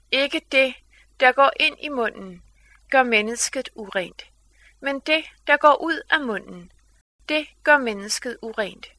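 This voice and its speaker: Woman, scripture reading, solemn, measured, crisp bright tone. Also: fairly high pitch. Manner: measured, solemn read-aloud delivery.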